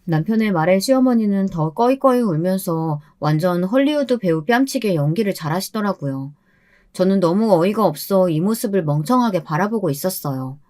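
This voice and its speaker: A woman narrating a first-person story in a scripted, expressive way, sounding indignant. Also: mid-range voice, normal speed.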